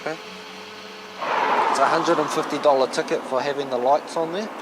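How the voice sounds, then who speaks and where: Male cop, broad Kiwi accent, higher-pitched voice, blunt and matey, recorded on a noisy street. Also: fairly even intonation, fairly quick. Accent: broad New Zealand. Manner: blunt, firm, colloquial. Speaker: police officer. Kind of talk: on-the-job talk with members of the public. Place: outdoors on a residential street. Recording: noisy outdoor location sound with traffic.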